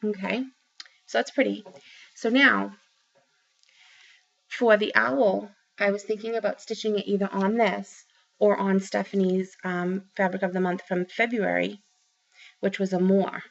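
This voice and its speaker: Her mid-range voice carries vocal fry, a steady tone, and a slightly slow pace with frequent pauses. A craft vlogger in her forties from the Boston area of Massachusetts, she has a Boston accent and chats to camera about her craft haul, rambling with lots of ums and restarts. It's captured on a close-up webcam in a small room at home, sounding dull and lo-fi.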